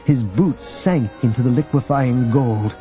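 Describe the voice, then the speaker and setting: A man reads an audiobook in a mellow, dark-toned voice, measured and even throughout. The audio is somewhat dull and faint music plays beneath the narration. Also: medium pitch. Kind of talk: scripted narration.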